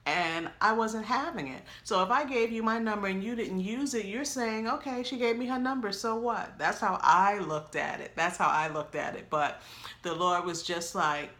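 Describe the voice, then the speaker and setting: A woman's voice: medium pitch, normal speed, a bit bright. Emphatic middle-aged New woman. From New York. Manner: emphatic storyteller who acts out quoted lines. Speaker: co-pastor. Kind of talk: personal testimony to camera.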